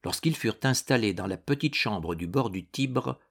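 A man reading a historical adventure novel aloud in a measured, dramatic way. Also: on the low side, animated, vocal fry, a bit bright, husky. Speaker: audiobook narrator.

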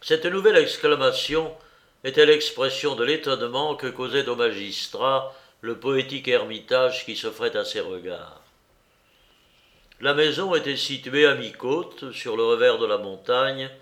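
A man narrating a classic novel as an audiobook, reading in a measured, expressive way. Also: mid-range voice, echoey room.

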